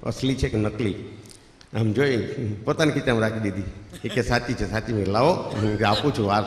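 A man's voice: fairly low pitch, brisk. A middle-aged man, telling folksy jokes to a live audience and acting out the voices of his characters. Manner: folksy storyteller acting out voices, laughing often. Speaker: stand-up comedian. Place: stage in a hall. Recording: echoey hall from a stage mic.

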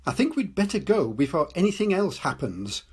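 An older man voicing a mild, flustered father in a storybook reading, with a husky voice. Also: high voice, sing-song, normal speed, voice pushed up, exaggerated voice.

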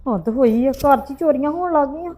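A very high-voiced, shrill young wife, played by a woman in a home-made family drama skit. She cries out and complains without stopping, accusing her mother-in-law and demanding answers. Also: a little fast, natural voice. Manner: loud wailing complaints, repeated cries of distress.

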